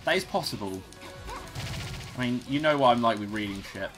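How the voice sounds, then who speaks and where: A man's voice: mid-range voice, expressive, fairly quick. Swearing young man narrating gameplay over music. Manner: rambling, swears freely. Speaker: let's play host. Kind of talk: gameplay commentary. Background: game music.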